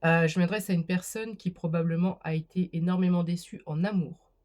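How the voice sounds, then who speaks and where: Casting note: woman, fairly low voice, casual card reader, speaks to the viewer, full of "euh" and restarts. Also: fairly even intonation, fairly quick, a little mellow. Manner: addresses viewer directly, many fillers and restarts. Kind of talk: casual spoken tarot reading.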